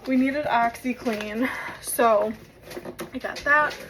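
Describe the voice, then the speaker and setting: A woman's voice: a little high, takes it slowly. A young woman talking casually to her phone camera in a vlog, rambling along with lots of fillers. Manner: chatty, rambling with many fillers. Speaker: vlogger. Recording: noisy, with vehicle sounds.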